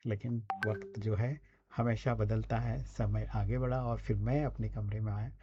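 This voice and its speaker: A man with an Indian accent, acting as a radio presenter, gives a conversational lesson on speaking and writing, often tossing in short check-in tags. His voice is fairly low and fairly even, a little slow. The audio is dull and there's background noise.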